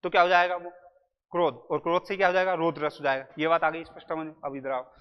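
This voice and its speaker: Male tutor, high voice, chatty exam-prep lecture style; dull audio with long reverb. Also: little pitch movement, quick pace, smooth. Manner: chatty, jokey, addresses students as brother. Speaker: Hindi grammar teacher. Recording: muffled lo-fi audio in a reverberant room.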